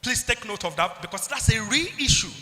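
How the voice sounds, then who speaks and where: Nigerian guy giving a conference talk, high lively voice, keeps quizzing the crowd, big echoey hall. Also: fairly quick, soft background music. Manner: rhetorical, keeps asking "what?" for the crowd to answer. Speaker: public health speaker at a youth conference. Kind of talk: conference talk, questioning the audience. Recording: hall reverb.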